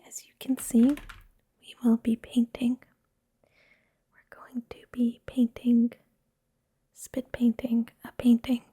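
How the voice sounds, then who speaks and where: A young woman whispering close to the mic in an ASMR video, soft-spoken and self-deprecating as she chats while working at a table indoors. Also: fairly high pitch, slightly rough. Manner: whispered throughout; self-deprecating, chatty aside. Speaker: ASMR creator. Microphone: close microphone.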